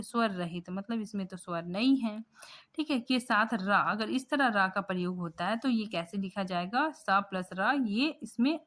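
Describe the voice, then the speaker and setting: A woman teaching a grammar lesson from slides, patient and repetitive, often pausing with fillers and checking in with a rising question. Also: mid-range voice, a bit bright. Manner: checks in constantly with "ठीक है?", rising; patient, repeats points, thinks aloud with fillers.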